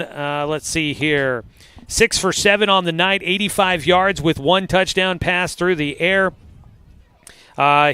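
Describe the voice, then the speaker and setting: A man announcing high school football on the radio, recapping the game from the press box with frequent fillers. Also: bright, forceful tone, clear, resonant tone, no room sound. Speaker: play-by-play announcer. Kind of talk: radio sports commentary.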